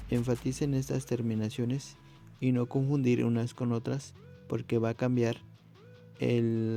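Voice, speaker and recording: A man with a dark, gravelly voice gives a casual video language lesson. He talks patiently to his viewers as friends, repeating words slowly so they can copy the sounds, with faint music underneath. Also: mid-range voice. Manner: addresses viewers often as friends. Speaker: language teacher.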